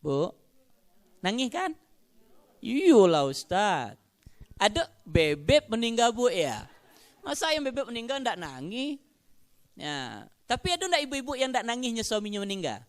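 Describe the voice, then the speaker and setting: A man's voice: very high voice, wildly swooping pitch, normal speed. A man with a Minangkabau accent preaching a sermon, often addressing and teasing the congregation. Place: mosque gathering.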